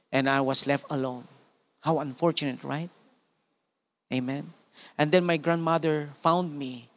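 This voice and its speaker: A Filipino-accented male pastor in his forties preaches with lively energy, punctuating his points with amen and praise God. His voice sits a little higher than most men's. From Philippines. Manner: animated preaching with frequent call-outs of amen and praise God. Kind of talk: sermon.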